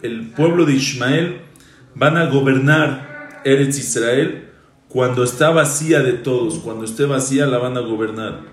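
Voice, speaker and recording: A man's voice: mid-range voice, a little slow. A man, a rabbi, teaching a Torah class, quoting passages in Hebrew and Aramaic, then explaining and repeating phrases. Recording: roomy echo.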